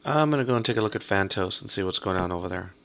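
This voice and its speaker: Male game commentator with a low-ish voice, talks to himself while playing, a little hoarse from a cough. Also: animated, racing, a bit bright, a little hiss or hum. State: slightly hoarse, has a cough. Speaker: gaming video host. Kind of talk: casual let's-play commentary.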